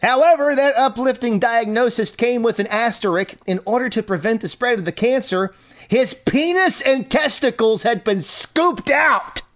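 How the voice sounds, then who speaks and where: Animated high-voiced man telling stories. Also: normal speed. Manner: animated, incredulous, jokey. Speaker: podcast host. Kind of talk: comedic storytelling chat.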